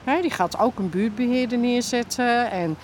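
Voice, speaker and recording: A woman telling neighbourhood stories in a casual interview, lively and acting out conversations. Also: fairly high pitch, normal speed, slight background noise. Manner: lively, acts out conversations in quoted voices. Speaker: neighbourhood resident being interviewed.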